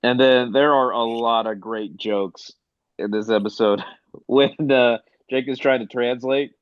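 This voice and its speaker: Man, podcast host, casual chat, mid pitch, dry lo-fi sound. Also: steady tone, a little slow, no room sound. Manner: laughs often, leads the discussion. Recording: dry, dull lo-fi mic.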